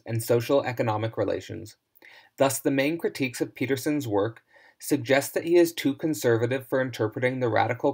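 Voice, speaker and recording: A man narrating a scripted philosophy lecture in a measured, formal reading voice. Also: mid-range voice.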